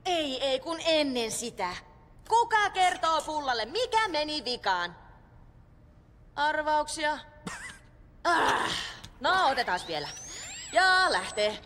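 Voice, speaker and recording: An actress voicing a brisk, strict female monster trainer who quizzes her class, in an animated film dub. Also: high voice, long reverb tail. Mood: instructive.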